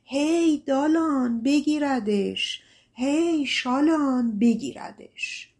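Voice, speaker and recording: A woman voicing a frightened young brother who answers in fear and shouts for help. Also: on the high side, expressive. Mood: shouting. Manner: fearful, raised voice.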